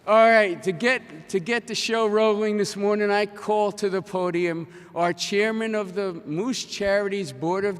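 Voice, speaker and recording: A jovial man emcees a convention from a podium, chatting and joking with the crowd. His voice sits high for a man and rings out into a large hotel meeting room with a long echo. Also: clear, resonant tone. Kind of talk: joke-telling convention address. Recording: echoey convention hall.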